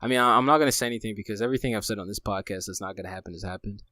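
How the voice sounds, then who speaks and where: A man co-hosting a football podcast, talking casually and excitably, stumbling over restarts and laughing often. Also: fairly low pitch, racing, no room sound. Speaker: podcast co-host.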